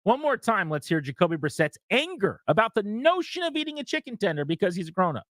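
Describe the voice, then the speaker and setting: A man's voice: high-pitched, sing-song, quick pace. A man hosting sports talk radio, giving opinionated commentary and talking straight to his listeners from a studio.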